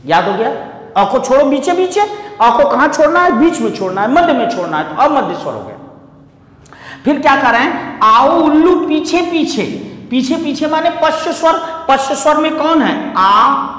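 A man's voice: very high-pitched, sing-song, normal speed, fairly bright tone. A man teaching an online exam coaching class. He explains step by step, repeats memory rhymes and asks his students questions. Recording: echoey classroom reverb.

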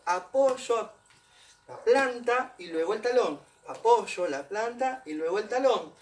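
A man's voice: high voice, expressive, slow pace. A male folk dance teacher leading an online class. He demonstrates steps while counting beats aloud and vocalizing rhythms. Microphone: camera set back from the dancer. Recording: distant mic with faint background noise.

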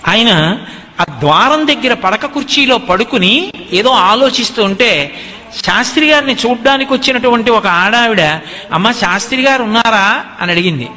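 A man's voice: very high-pitched, animated, moderate pace, pushed and bright. A man telling a devotional story to listeners, speaking earnestly and addressing them directly. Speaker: religious storyteller. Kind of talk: devotional discourse. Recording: long hall reverb.

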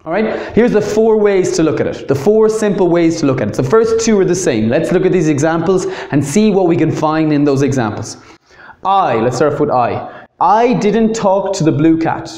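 Irish guy teaching grammar, slightly high voice, leans on the key words. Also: lively intonation, moderate pace, mellow, reverberant. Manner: explains step by step, stresses key words. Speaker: English teacher. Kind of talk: classroom grammar lesson.

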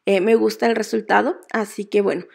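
A young woman narrates a home cleaning tutorial in a calm, explanatory way, pausing on filler words as she walks through each step. Her mid-range voice is crackly and gravelly, with heavy fry running through nearly every phrase. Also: medium pitch. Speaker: cleaning vlogger. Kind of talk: narrated how-to voice-over.

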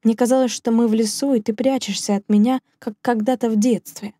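A woman's voice: a little high, steady tone, brisk, warm tone, no echo, natural voice. A woman voicing a passionate young male nobleman, speaking tenderly and pleadingly in an audiobook.

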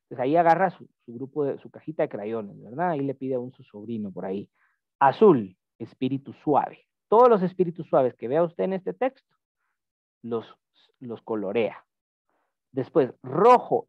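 Over tinny call audio that sounds like a phone, a patient man explains Greek to a student in an online class, regularly making sure they keep up. The recording is dry, and his voice sits at a medium pitch.

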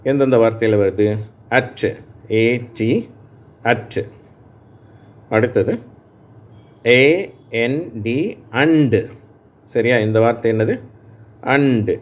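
A man teaching English reading to adults in Tamil. He speaks slowly and patiently, repeats his points and checks with his listeners. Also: medium pitch, fairly even intonation. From Tamil Nadu, India. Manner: patient, reassuring, repeats points and asks "சரியா?". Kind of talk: slow spoken lesson for adult learners.

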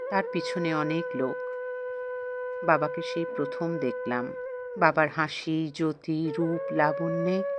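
A woman narrating a devotional memoir, reflective and unhurried. Her voice sits a little low but moves in a lively, lilting line. A flute melody plays clearly behind her. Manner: slow, reflective storytelling. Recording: flute music bed behind voice.

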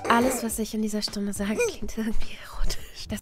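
A woman streamer chatting casually in a soft, hesitant, breathy anime-streamer manner. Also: fairly high pitch, brisk, loud music behind the voice. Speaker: VTuber streamer. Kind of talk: casual livestream chat.

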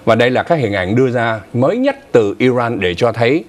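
Animated older male news co-host. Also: medium pitch, fairly quick. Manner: chatty, animated explaining with asides and laughs. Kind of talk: casual morning news commentary. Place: TV studio. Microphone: lapel mic.

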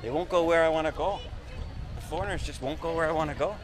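This middle-aged Canadian man speaks at a quick pace in a voice on the high side. He's walking through a crowded village for his travel vlog, casually chatting with locals in short, simple phrases, captured outdoors by an action camera he carries or wears, with crowd and street noise around him.

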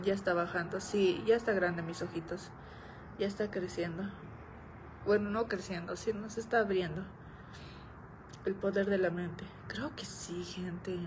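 A woman's voice: medium pitch, steady tone, takes it slowly, pauses often, background noise. A young woman vlogger casually telling a story to her viewers, chatty, repeating phrases and often calling out to them.

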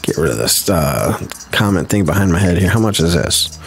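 Male gaming host, low and gravelly, animated let's-play commentary, slangy and playful. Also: moderate pace, faint music behind. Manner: chatty, playful, slangy, hums to himself.

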